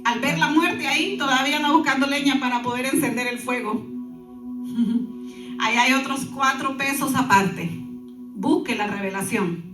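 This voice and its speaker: A woman pastor giving an animated sermon, breaking in with lively asides to the congregation. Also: sits high, normal speed, reverberant, distant mic, music in the background.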